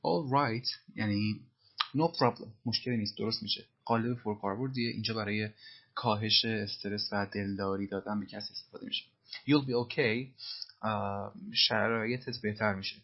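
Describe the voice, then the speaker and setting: A man teaching English, repeating film lines slowly and then explaining them in Persian. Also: fairly low pitch, steady tone, highs cut off.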